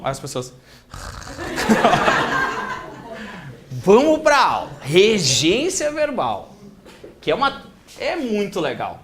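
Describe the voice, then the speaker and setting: A man's voice: high-pitched, a little hiss or hum. A male teacher, telling an anecdote animatedly to a classroom and acting out the voices. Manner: animated storytelling, acts out quoted voices. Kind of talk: classroom lecture with a told anecdote.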